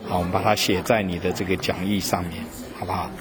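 Calm low man over a crowd. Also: fast. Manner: calm, relaxed, soft tag words. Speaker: small-group facilitator. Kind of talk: explaining a group task. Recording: crowd murmur behind.

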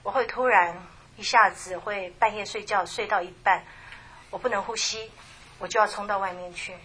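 A middle-aged woman gives a personal faith testimony at a church gathering, speaking softly and haltingly with many restarts. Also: medium pitch, fairly even intonation, a little hiss or hum. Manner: halting and soft, with many restarts and trailing phrases. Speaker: church member giving a testimony.

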